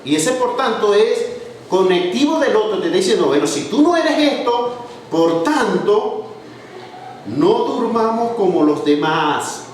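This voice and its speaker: A man's voice: high-pitched, big pitch swings, normal speed. A man preaching a sermon, reading scripture aloud and explaining it, asking questions for the congregation to answer. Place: church hall. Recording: echoey hall, from far off, faint noise.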